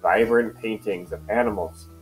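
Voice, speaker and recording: Male narrator, calm scripted storytelling, gentle guitar music behind the voice. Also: on the low side, normal speed, low-quality recording.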